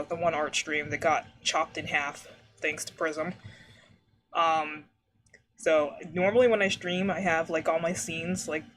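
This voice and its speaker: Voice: mid-range voice, a bit bright. A livestreamer chatting casually while drawing, rambling with lots of fillers and restarts, the voice slightly warbled by noise suppression on a desk mic. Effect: warbly noise-suppression artifacts.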